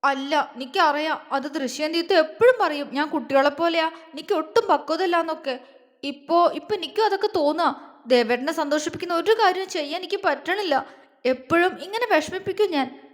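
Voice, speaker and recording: A woman's voice: high-pitched, lightly acted. A woman voicing a tearful, insecure young wife who stammers through her words, with a long hall reverb. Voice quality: halting, stammering speech. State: crying.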